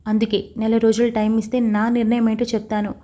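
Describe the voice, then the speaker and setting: A woman's voice: a little high, level tone, quick pace, warm tone, close to an everyday voice. A woman reading the lines of a torn, tearful young wife in an audio story, emotional and defiant. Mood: tense.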